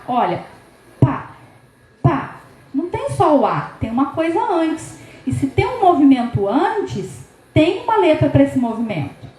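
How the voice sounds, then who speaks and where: A woman's voice: high-pitched, darkish tone, roomy sound, low-quality recording. A woman with a Brazilian Portuguese accent giving a lecture to teachers, asking rhetorical questions and sounding out syllables as she explains. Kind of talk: education lecture.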